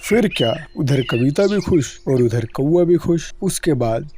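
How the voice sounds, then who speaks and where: A man narrating a cartoon story for children in a plain, steady storytelling voice. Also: on the high side, a little slow, slight background noise. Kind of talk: scripted narration.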